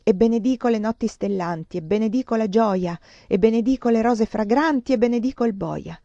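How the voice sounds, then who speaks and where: A woman's voice: on the high side, a little fast, dark tone, dry recording, lightly acted. A woman reading the lines of a passionate, doomed young nobleman in a declaiming, poetic manner, with a dull, muffled sound.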